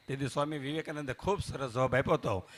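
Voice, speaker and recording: A man doing live folk comedy, telling jokes and anecdotes on stage and swinging between loud bursts and hushed asides. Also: medium pitch, fast. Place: live stage before a temple audience.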